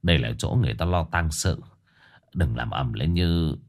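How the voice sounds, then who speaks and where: A man voicing a flustered middle-aged office boss who stammers and speaks in a hushed, placating tone. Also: mid-range voice, wildly swooping pitch, a little fast, breathy edge, full character voice. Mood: soothing.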